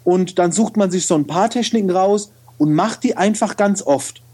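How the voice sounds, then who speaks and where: A high-pitched, darkish voice at a moderate pace belongs to an interview guest who retouches photos and trains people in video. He speaks casually in a regional German dialect, restarting often and leaning on many fillers.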